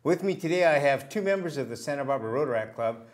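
An older man hosts a community TV interview in a small studio, speaking fast in a mid-range voice with lively intonation. He asks his questions and offers short, friendly affirmations.

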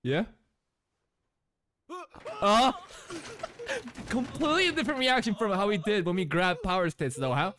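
A young man in his twenties giving excited reaction commentary from a small room, close to a boom mic, laughing and breaking into shouts. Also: a little slow, pauses often. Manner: animated, laughing, shouts in bursts. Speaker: anime reaction streamer. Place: small room indoors, in a gaming chair. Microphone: studio mic on boom arm, close.

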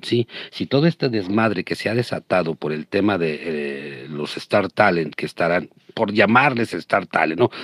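A man's voice: low voice, no room sound. A man hosting his channel, delivering a crude, combative rant of commentary. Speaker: channel host. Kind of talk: ranting commentary.

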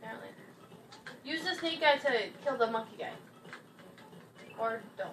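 A woman's voice: a little high, animated, moderate pace, a bit bright, slight background noise. A woman chatting casually while playing a video game in a living room. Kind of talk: casual chat while gaming. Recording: distant mic, game music behind.

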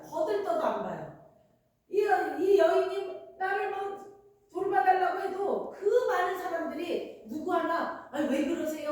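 Woman pastor giving a sermon, lively storyteller voice, sounds far off in a roomy church. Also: very high-pitched. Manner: expressive storytelling, acting out quoted voices. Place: church sanctuary. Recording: roomy church hall, mic held at a distance.

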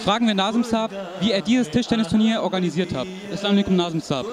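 A young man with a high voice reports formally from a big indoor sports hall through a handheld mic. Crowd chatter carries behind him throughout. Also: racing. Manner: formal, announcer-like, with religious greetings. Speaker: event reporter. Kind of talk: scripted event report and interviews.

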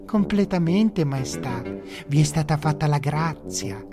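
A man voicing a crafty, flattering army commander who answers in a high, soothing sing-song, with music behind. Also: measured pace. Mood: coaxing. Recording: music bed under narration.

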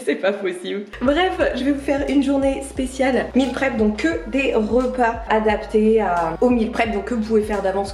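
A woman's voice: mid-range voice, darkish tone. Chatty woman vlogging in an echoey room. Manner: chatty, laughs at her own flubbed intros. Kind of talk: casual vlog chat and recipe narration. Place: small home kitchen and living room, indoors. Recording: roomy echo with light music behind.

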